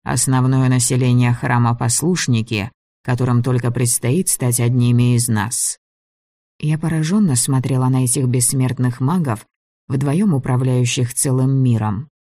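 A man's voice: medium pitch, steady tone, moderate pace, dark tone, no room sound, clean studio sound. Man reading a fantasy audiobook. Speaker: narrator.

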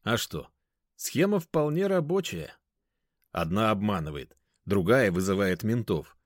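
A man reading a first-person story aloud in a wry, expressive way. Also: on the low side, unhurried, dry recording, clean studio sound. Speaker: narrator. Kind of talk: first-person audiobook narration.

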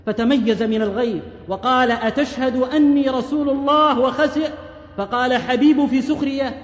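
A man preacher telling stories in an impassioned, oratorical sermon, with rhetorical flourishes and recited verse. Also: very high-pitched. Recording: echoey hall with long reverb.

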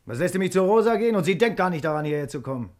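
A man's voice: high-pitched, animated, rapid-fire, a little mellow. An actor playing an aggrieved, accusing man in a classic radio play. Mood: angry. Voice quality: resentful, accusing. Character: angry aggrieved younger man Marco.

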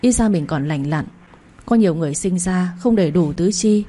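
A woman's voice: fairly low pitch, lively intonation, moderate pace, mellow. A woman giving earnest, heartfelt first-person narration of a story.

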